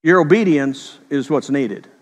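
A middle-aged man preaching a sermon, telling stories in a conversational way and slipping into quick voiced quotes. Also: on the high side, lively intonation, big-room sound. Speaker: pastor.

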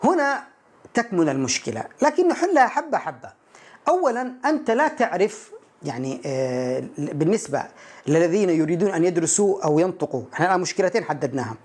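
Male language teacher, husky tone, emphatic and direct with viewers. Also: high-pitched, big pitch swings, fast talker, darkish tone. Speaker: English teacher. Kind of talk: online language lesson.

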